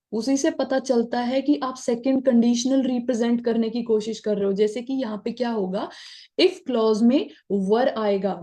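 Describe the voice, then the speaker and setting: Woman teacher, mellow, slightly high voice, chatty grammar explainer. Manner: chatty, asks and answers her own questions. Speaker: English teacher.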